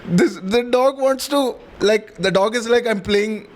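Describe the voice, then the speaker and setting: High-voiced Indian man chatting casually. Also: unhurried. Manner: laid-back storytelling, slips into quoted voices. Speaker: podcast co-host. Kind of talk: casual comedic chat.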